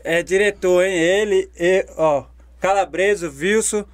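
A man with a high voice talks casually as a podcast guest. He tells stories from his amateur football club in a halting, roundabout way. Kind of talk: casual chat, telling anecdotes.

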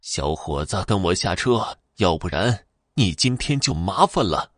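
A man voicing a menacing old woman ghost with fangs, speaking in drawn-out, sinister tones. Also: low voice, very animated, no echo, studio quality, exaggerated voice.

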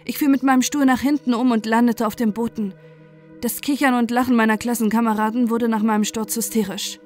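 A woman narrating a first-person horror audiobook in a measured, dramatic storytelling manner. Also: a little high, steady tone, darkish tone. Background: faint music.

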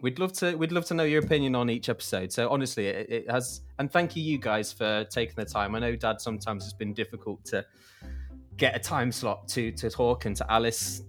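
A young man hosting a podcast, telling jokes in a rambling, animated way and signing off. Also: medium pitch. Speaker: podcast host. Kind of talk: casual joke-telling and sign-off.

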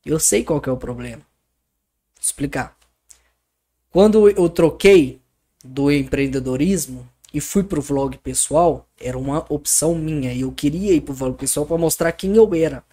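With a fairly high voice and a measured pace, a man visiting a podcast tells stories in a relaxed way. He's lively and animated, voicing the dialogue of the people in his tales.

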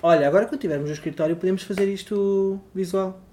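A young man co-hosts a podcast in a light, fairly high male voice. His talk is casual, slangy and playful, in style. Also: fairly even intonation, fast talker, a little mellow. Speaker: podcast co-host. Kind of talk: casual chat.

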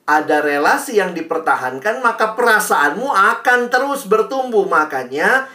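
Lively man speaking from far off. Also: high voice, moderate pace. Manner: lively, slips English phrases into his talk. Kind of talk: speaking to a group. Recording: echoey, mic far away.

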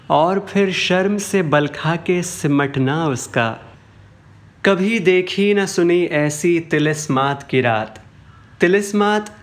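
A man talks through a relaxed spoken lesson, explaining song words and mixing in English phrases. He speaks slowly and unhurriedly. His voice sits a touch higher than most men's. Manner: mixes Hindi with English phrases, sings song lines slowly. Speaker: host explaining Urdu words in old film songs. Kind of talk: casual spoken lesson with sung excerpts.

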